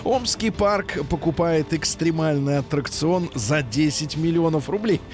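A man's voice: a little high, measured pace, darkish tone. A man hosting a casual morning radio show, reading news with ironic commentary and repeating words for emphasis. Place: radio studio.

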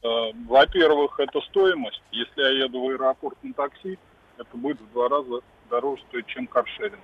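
A man's voice: mid-range voice, fairly quick, breathy edge. A man calling into a radio show over a poor phone line that keeps breaking up, giving his opinions in a chatty, matter-of-fact way. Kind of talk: casual call-in chat. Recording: muffled lo-fi windy phone line.

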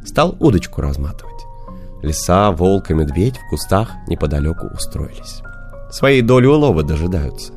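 A man narrating children's fairy tales as an audiobook, in a lively, expressive storytelling manner. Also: sits low.

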